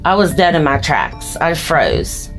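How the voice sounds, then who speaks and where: A woman's voice: low voice, wildly swooping pitch, measured pace, soft background music. A woman, a store owner, recalling in an interview how an officer threatened her, incredulous as she tells it. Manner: recounting events, incredulous. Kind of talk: interview recollection.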